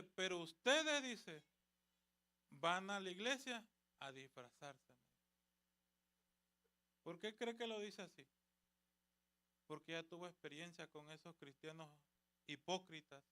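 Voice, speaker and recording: Man, church sermon, bright, smooth, exhorting, rhetorical questions. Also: high voice. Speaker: church member preaching. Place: church service.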